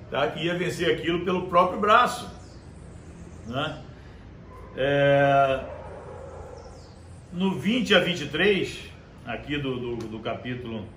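A male preacher delivering a conversational sermon, reading scripture aloud slowly and checking in with his listeners. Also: on the high side, a bit bright, slight background noise. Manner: conversational, constant tag questions. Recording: echoey room with faint ambience.

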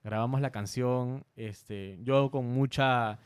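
A man's voice: mid-range voice, slow pace, clear, resonant tone. A man from Peru, a content creator, telling a story in a casual interview, earnest and a little self-conscious, often restarting his sentences.

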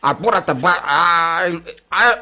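A man's voice: high voice, lively intonation, a little fast. A man playing a nagging, bossy husband. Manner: loud, nagging, exasperated. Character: bossy, impatient married husband, grumbling.

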